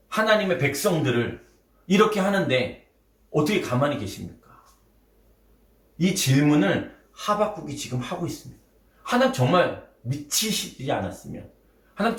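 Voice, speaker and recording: A man's voice: fairly high pitch, recorded from a distance. A man preaching a sermon as pastor, dramatic, acting out the voices of Bible figures with fervor. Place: church sanctuary. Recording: roomy, from the mic.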